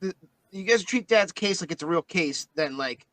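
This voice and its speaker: A hesitant, rambling grown son in a tabletop game, as a man plays him. His voice sits a little high and is recorded dry. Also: expressive, moderate pace, a bit bright, no echo, low-quality recording. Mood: worried. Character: earnest adult son of a deceased man.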